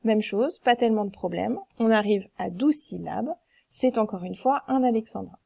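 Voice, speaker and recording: A woman teacher patiently explaining a lesson, counting syllables slowly aloud. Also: medium pitch, gravelly, mellow, husky.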